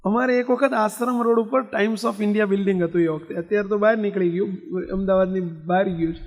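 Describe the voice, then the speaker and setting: High-voiced preaching monk in a reverberant hall. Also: male voice, steady tone, quick pace. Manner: questions the audience and leads call-and-response chanting. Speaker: swami preacher. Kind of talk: religious discourse to a live congregation. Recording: dull lo-fi sound with long hall reverb.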